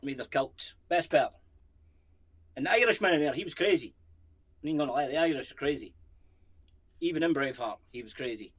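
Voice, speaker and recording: A man's voice: medium pitch, lively intonation, a little fast, pauses often, a bit bright. Scottish male co-host, rambling casual banter, salty and jokey. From Scotland. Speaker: co-host of a paranormal channel. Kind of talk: casual chat.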